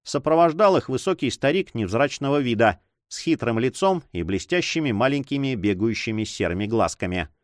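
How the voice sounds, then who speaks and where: Male audiobook narrator, lively pitch, dry close mic. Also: fairly quick, few pauses, no echo. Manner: expressive storytelling. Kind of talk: audiobook reading of a novel.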